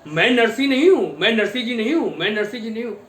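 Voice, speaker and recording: A man's voice: extremely high pitch, lively intonation, brisk, fairly bright tone, echoey room. A man voicing a god disguised as a modest accountant in a devotional story. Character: the Lord disguised as a humble accountant, male.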